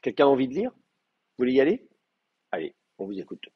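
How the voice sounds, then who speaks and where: A man teaching an advanced Hebrew class, explaining grammar with hesitant pauses, restarts and fillers. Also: medium pitch, very animated, husky, no room sound. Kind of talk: classroom lecture. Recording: muffled, dry classroom recording.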